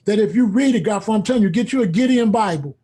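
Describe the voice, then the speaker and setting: A man's voice: high-pitched, lively intonation, fast, mellow. A man speaking as the guest on a call-in talk show, in blunt street slang and with emphatic, preachy conviction.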